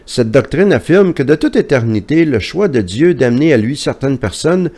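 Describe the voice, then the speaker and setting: A man's voice: mid-range voice, lively intonation, moderate pace, a little mellow. A man with a Québécois accent, chatting casually as he reads out viewer comments, with frequent hesitations. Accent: Québécois French. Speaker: YouTuber reading viewer comments.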